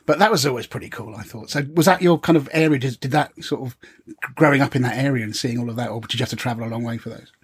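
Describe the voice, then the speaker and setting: A man's voice: medium pitch, rapid-fire, husky. A middle-aged British man hosting a casual interview in a chummy, rambling way. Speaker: interviewer, host.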